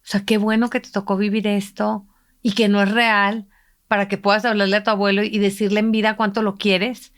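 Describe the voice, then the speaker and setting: Middle-aged woman co-hosting a podcast, heartfelt storyteller, medium pitch. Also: flat delivery, brisk. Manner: emotional, reflective, voices quoted people while retelling. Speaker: podcast co-host, mother. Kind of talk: intimate conversational storytelling.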